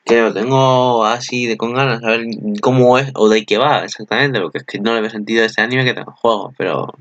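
A man's voice: medium pitch, brisk, fairly bright tone, dry recording, lo-fi sound. A young man from Spain with a Spanish accent, giving casual, rambling commentary on an anime preview with lots of filler tags.

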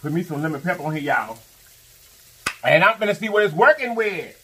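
A woman's voice: on the low side, big pitch swings, brisk, fairly bright tone, a little hiss or hum. A woman with chatting to viewers during a mukbang eating vlog, with lots of mm sounds between bites. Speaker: mukbang vlogger. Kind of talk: casual eating vlog chat.

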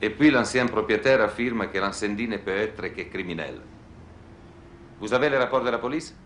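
Acteur en expert en assurance sarcastique, voix grave et tranchante, série des années 80. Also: male voice, fairly low pitch, moderate pace, a bit bright, slight background noise, lightly acted. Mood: dry. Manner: exasperated, bantering. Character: wry middle-aged male insurance investigator. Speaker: insurance expert. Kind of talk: 1980s TV series acting.

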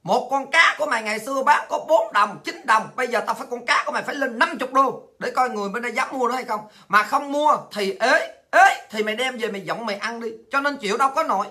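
Bright-voiced woman ranting. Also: fairly high pitch, fast, few pauses. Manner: coarse, insulting, shouting taunts. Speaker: political commentary host. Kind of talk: heated political ranting monologue.

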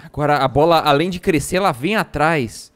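A young Brazilian man streams a game live, commenting in Brazilian Portuguese, shrieking and cursing when startled and laughing a lot. His voice is a little high and fairly bright, at a moderate pace.

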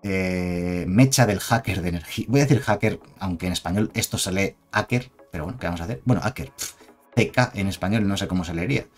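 Low-voiced Spanish man streaming casually. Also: a little fast, soft background music. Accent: Spain Spanish. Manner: chatty, digressive, reads chat aloud. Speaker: streamer reviewing game cards. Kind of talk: casual live-stream commentary.

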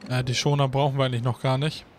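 A man giving casual gameplay commentary as a Let's Play host, thinking aloud in a relaxed, chatty way. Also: medium pitch, racing, a little hiss or hum.

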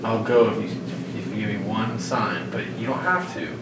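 A young man chatting casually and excitably during a night ghost investigation, often repeating himself. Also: fairly low pitch, moderate pace. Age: young adult. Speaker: ghost hunter. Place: dark cluttered room indoors on a ship. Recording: noisy, echoey, distant camera mic.

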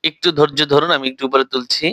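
A man with a Bangladeshi accent teaching the Quran, spelling out Arabic letter by letter and then chanting each word in a slow, drawn-out way. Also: medium pitch, flat delivery, sharp tone, dry recording. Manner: slow, deliberate, drawn-out recitation.

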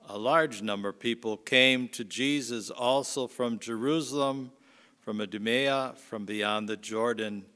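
Slow-spoken priest in a cathedral echo. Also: male voice, mid-range voice, fairly bright tone. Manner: measured, unhurried liturgical delivery. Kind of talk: gospel reading and homily. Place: large church. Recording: long church reverb.

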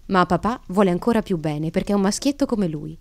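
A woman's voice: lowish voice, fast talker, close to an everyday voice. A woman voicing an earnest young girl asking questions in a storybook reading. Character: little girl, anxious older sister.

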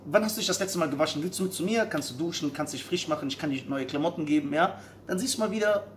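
A man's voice: a little high, fast talker, slight background noise, voice pushed down, natural voice. A man voicing a pushy young woman in a told joke, with a mock-bossy, pleading manner. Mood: coaxing.

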